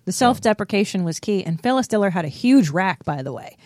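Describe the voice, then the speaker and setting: A woman guest on a podcast chatting casually and enthusiastically, with quick quips. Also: mid-range voice, animated, darkish tone, no echo, clean studio sound. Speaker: guest comedian. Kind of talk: casual chat.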